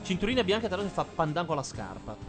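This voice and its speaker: A man's voice: high voice, sing-song, fast talker, music in the background. A former press-room journalist, a man, cracking sardonic jokes in casual live commentary. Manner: joking, sardonic.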